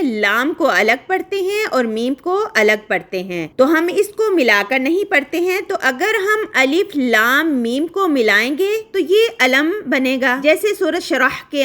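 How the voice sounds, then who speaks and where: A woman's voice: sits high, sharp tone. A young woman teaching a recitation class, explaining step by step and asking questions she then answers herself.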